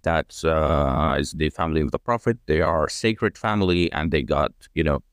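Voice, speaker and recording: A man speaking as a podcast guest, explaining at length in a measured way, with frequent fillers and restarts. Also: a bass voice, expressive, no echo, studio quality. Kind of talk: conversational explanation.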